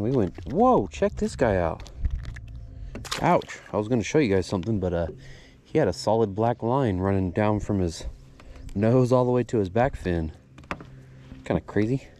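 A man's voice: warm tone, a little hiss or hum. A man, giving casual, upbeat commentary from a boat while fishing, recorded on an action camera outdoors. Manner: laid-back, upbeat, says "boom" a lot. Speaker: fishing channel host.

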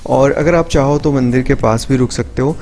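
A young man talks through his trekking trip in a relaxed, easygoing voice-over, stopping now and then with little hesitant fillers as he explains. His pitch sits in a middle range, and soft music plays faintly behind him. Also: normal speed. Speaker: travel vlogger. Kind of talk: casual travel vlog narration.

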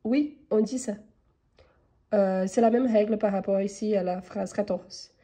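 A woman's voice: mid-range voice, steady tone, a little slow, warm tone. A woman teaching French grammar online, patiently reading each exercise sentence and then explaining the rule, her voice congested from a cold. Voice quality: husky.

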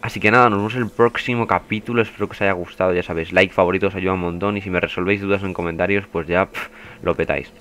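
A man's voice: deep voice, steady tone, fast talker. A young man giving casual, swearing let's play commentary as a gaming youtuber. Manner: swearing, chatty, bursts into panicked yelling.

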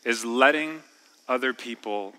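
A man preaching a sermon in a church, talking in a conversational way and slowing down to stress key words. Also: medium pitch, sharp tone, low-quality recording. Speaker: pastor. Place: church sanctuary.

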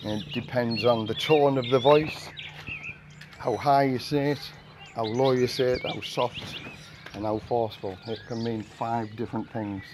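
An older Englishman vlogs while washing his car under the carport of a house, chatting casually and telling rambling stories in a monotone. He speaks at medium pitch and a measured pace. The camera mic is a few meters away outdoors, picking up birdsong, rural ambience and a noisy background.

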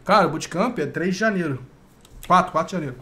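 Man, Brazilian accent, high pitch, rapid delivery, brash, slangy, sweary, casual streamer chat. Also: lively intonation, a bit bright. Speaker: game streamer. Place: small room at home, indoors.

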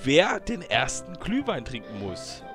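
High, animated man hosting a game show. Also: measured pace. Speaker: host. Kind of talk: casual excited gaming show chat in German. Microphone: voice chat over a game. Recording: music behind the voice.

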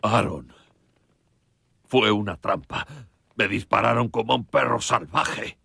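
An actor in a dubbed film playing a wounded, vengeful frontier father who barks harsh orders at his sons, with a husky, gravelly voice. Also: fairly low pitch, a little slow, sharp tone, dry recording, studio quality, exaggerated voice.

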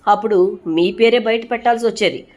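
A woman's voice: mid-range voice, fairly quick, a little mellow, lightly acted. A woman voicing a beaten-up male henchman in a TV serial recap, complaining in a chatty way. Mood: sheepish.

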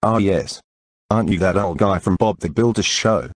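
A man voicing a stern police officer, husky and deep. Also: moderate pace, no room sound.

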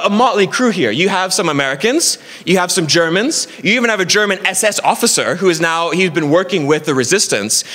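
A man's voice: sits high, sharp tone, big-room sound. A man preaching a sermon with energy, telling a story and often stumbling over repeated words. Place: church hall.

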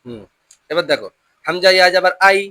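A Quran reading teacher giving a patient lesson, drilling pronunciation call-and-response, often repeating questions and slowing down to model each word. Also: medium pitch, animated, sharp tone, no echo.

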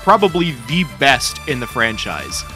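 A man in his thirties with a Long Island accent, bantering casually through a game in an excitable, dramatic, sweary way, close to the microphone. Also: mid-range voice, a little slow, over music. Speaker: gaming challenge player. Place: small indoor room with a drum kit. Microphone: close boom-arm microphone.

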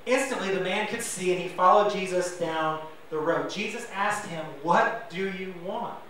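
A man preaches in a relaxed, conversational way, tossing self-deprecating asides to his congregation. His voice sits high and sounds bright and lively. The mic is set back, so the church hall echoes heavily around him. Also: normal speed, far from the mic, slight background noise. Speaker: pastor. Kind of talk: sermon. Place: church sanctuary.

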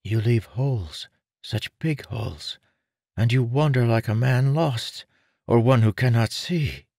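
A man voicing an odd, hushed young man. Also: mid-range voice, measured pace, gravelly, no echo, studio quality, voice pushed up. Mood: absorbed. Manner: hushed, absorbed. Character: strange quiet young man, intent and detached.

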